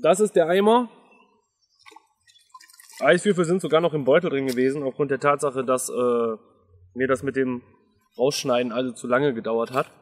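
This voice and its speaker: A man's voice: medium pitch, moderate pace, pauses often, long reverb tail. A man in his thirties talking casually and off the cuff to a camera a few metres away outdoors. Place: outdoors in a garden.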